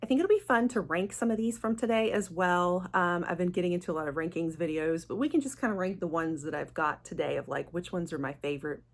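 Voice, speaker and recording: Female product-review host, lowish register, chatty and enthusiastic, informal delivery. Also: fast talker, few pauses. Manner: gushing, enthusiastic. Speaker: fragrance vlogger, channel host.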